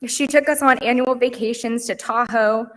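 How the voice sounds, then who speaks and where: A woman's voice: on the high side, fairly even intonation, moderate pace. A young woman reading a heartfelt eulogy at a memorial service, earnest and tender. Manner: earnest and heartfelt, softening on lists. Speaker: eulogy speaker. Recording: livestream in a reverberant hall.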